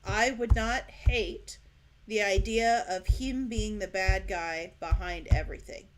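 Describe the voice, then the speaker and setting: A woman co-hosting a casual book chat, excitable and rambling, often laughing. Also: medium pitch, a little slow. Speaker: podcast co-host.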